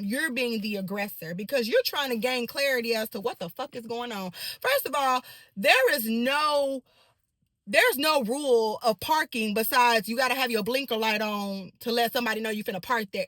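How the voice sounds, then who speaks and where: A woman in her thirties tells a storytime straight to her viewers, animated and chatty. Her voice is bright and a little high. The sound is close and dry, with no room around it. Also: no echo. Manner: animated, direct address to the audience. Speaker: vlogger telling a personal story. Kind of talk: casual storytime monologue to viewers.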